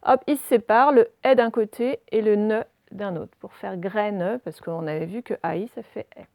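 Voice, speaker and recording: A woman teacher giving a reading lesson to young children, spelling out letters slowly and checking in often. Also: medium pitch, lively intonation, darkish tone, no echo.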